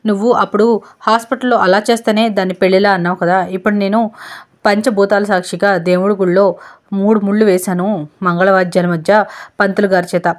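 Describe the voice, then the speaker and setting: A woman voicing a defiant, loyal young husband who speaks firmly and insistently, in a flat tone. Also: mid-range voice, quick pace, lightly acted. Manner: firm insistent questioning.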